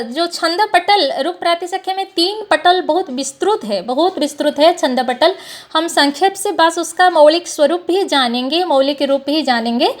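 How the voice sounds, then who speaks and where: A woman teacher giving an exam coaching lecture, explaining step by step and slowly reciting Sanskrit verses. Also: high voice. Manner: explains step by step, drilling lists.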